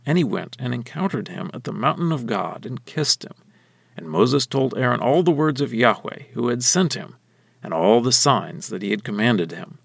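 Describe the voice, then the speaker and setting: A man reading scripture aloud in a measured, expressive way, after closing a prayer. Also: medium pitch, gravelly, breathy edge, no echo. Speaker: scripture reader.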